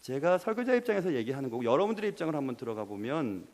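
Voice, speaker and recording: A man's voice: mid-range voice, sing-song, very fast, darkish tone. A young man preaching a sermon as pastor, quizzing his congregation and pressing them on their answers. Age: young adult. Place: church sanctuary. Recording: long hall reverb.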